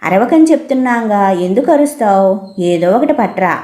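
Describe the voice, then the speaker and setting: A woman's voice: medium pitch, lively intonation, moderate pace, echoey room, close to an everyday voice. A woman voicing impatient male thieves in a folk tale, scolding sharply. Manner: hushed scolding.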